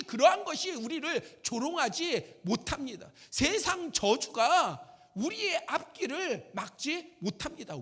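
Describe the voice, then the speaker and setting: A man preaching from the pulpit in a high voice that swoops up and down. He speaks with fervent emphasis, and his repeated lines swell into shouts. His pitch climbs well above most men's. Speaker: pastor. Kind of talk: sermon. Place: church sanctuary.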